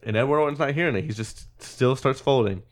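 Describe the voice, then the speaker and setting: A man's voice: mid-range voice, quick pace. Man animatedly recapping a movie. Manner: animated retelling with acted-out quotes; laughs often. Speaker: podcast host. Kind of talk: casual movie recap chat.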